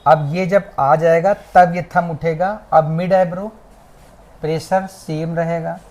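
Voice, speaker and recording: A massage instructor giving a hands-on class demonstration, with soft, repeated cues and frequent check-ins with the students. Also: mid-range voice, fairly even intonation, unhurried. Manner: soft, repetitive coaching cues. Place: training academy classroom.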